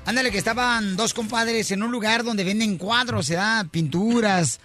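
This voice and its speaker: A man hosts a radio comedy show with exuberant energy, shouting catchphrases and telling jokes. His voice is high and bright, with music faintly behind. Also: moderate pace.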